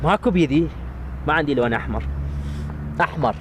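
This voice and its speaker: A man's voice: a little high, animated, fast talker. A man with an Iraqi accent in casual joking banter, repeating single words emphatically as he gives clues in a game. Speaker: clue-giver in a headphone word-guessing challenge. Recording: faint outdoor or car noise behind.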